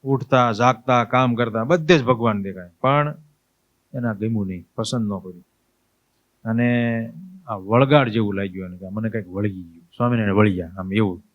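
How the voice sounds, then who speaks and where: A swami giving a sermon. He tells a devotional story in a lively way, acts out its people's voices, and turns to his listeners with questions such as "understood?". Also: on the low side, normal speed, highs cut off. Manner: storytelling, acts out the old woman's cries and dialogue; asks listeners rhetorical questions. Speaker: swami giving a religious discourse.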